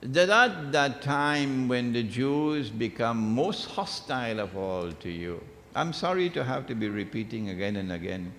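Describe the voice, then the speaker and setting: A man's voice: mid-range voice, lively intonation, a little slow, hardly any pauses, fairly bright tone, a little hiss or hum. A man giving a religious lecture, emphatic and repeating his phrases. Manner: emphatic, repeats phrases, recites Arabic verses. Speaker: Islamic lecturer. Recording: long hall reverb.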